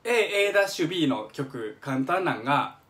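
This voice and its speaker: A man's voice: fairly high pitch, very animated, normal speed, a bit bright. A middle-aged man with a Kansai accent, eagerly explaining music on a live stream from his home kitchen and reading out viewer comments. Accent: Kansai Japanese. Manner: eager, chatty explainer who hums examples and reads out viewer comments. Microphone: phone or webcam on a live stream.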